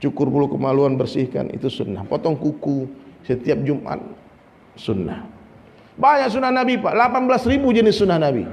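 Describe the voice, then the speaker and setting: A man from Indonesia's region, giving a lively, humorous sermon to an audience. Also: fairly high pitch, fairly quick, gravelly. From Minangkabau, Indonesia. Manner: lively, humorous preaching, often addressing listeners. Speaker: preacher. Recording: long reverb, faint ambience.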